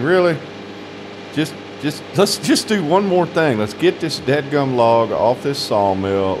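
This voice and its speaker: A man's voice: mid-range voice, background noise. An older man with a Southern US accent, a sawmill owner narrating his work video in a wry, grumbling, folksy way.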